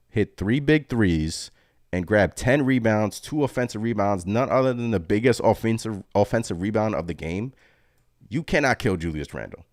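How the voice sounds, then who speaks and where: A man hosting a live postgame reaction stream, talking in an excited, rambling way and reading chat comments aloud. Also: fairly low pitch, no echo, clean studio sound. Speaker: sports fan channel host.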